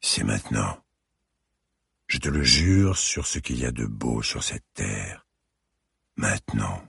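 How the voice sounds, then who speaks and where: A man voicing a gentle old grandfather over 60, murmuring softly in a gravelly, husky voice. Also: deep voice, huge pitch swings, takes it slowly, no room sound, studio quality, full character voice. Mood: solemn. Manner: soft, murmured delivery.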